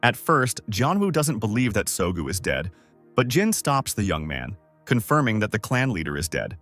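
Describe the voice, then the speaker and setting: A man narrating a comic recap in a steady, scripted storytelling delivery. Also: lowish voice, moderate pace, soft background music.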